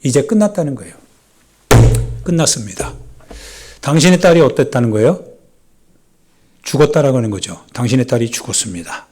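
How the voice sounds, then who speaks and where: A man's voice: mid-range voice, lively intonation, a little fast, pauses often, a little mellow. A man, a pastor, preaching a sermon with dramatic emphasis, acting out the voices of doubters. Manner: dramatic preaching, voicing doubters with rising intensity.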